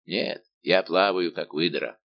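A man voicing a big, good-natured, simple-minded old musketeer baron, talking slow and booming. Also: vocal fry, dull audio, slight background noise, heavily acted. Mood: hearty.

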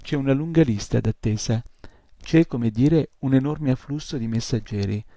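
A man's voice: medium pitch, normal speed, dark tone, dry recording, lightly acted. A man voicing a tiny, polite and slightly self-important male creature in a storybook. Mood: polite, earnest.

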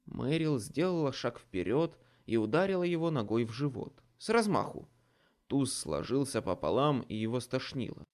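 A man's voice: medium pitch, very animated, moderate pace. A man reading a first-person fantasy audiobook with dramatic storytelling. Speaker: audiobook narrator.

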